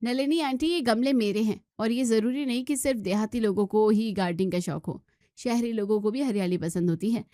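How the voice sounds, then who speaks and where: A stubborn young daughter-in-law, as a woman narrator puts her on in a narrated moral story. She pleads and argues back in a high, youthful voice. The sound is dry and close. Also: fairly quick, warm tone, dry recording, lightly acted. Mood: defensive. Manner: pleading, defensive replies.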